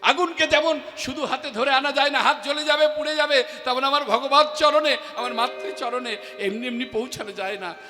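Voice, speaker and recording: A man's voice: very high voice, steady tone, moderate pace, bright, forceful tone. A man preaching a devotional sermon, emphatic and impassioned, breaking into chanted refrains. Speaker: kirtan singer and preacher. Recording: echoey hall with faint music.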